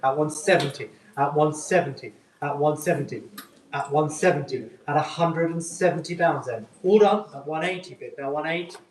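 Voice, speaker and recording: A man's voice: on the high side, normal speed, recorded from a distance, a little hiss or hum. A man working as an auctioneer, calling lots and bids live in a polite, repetitive patter of numbers. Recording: echoey room, picked up from afar.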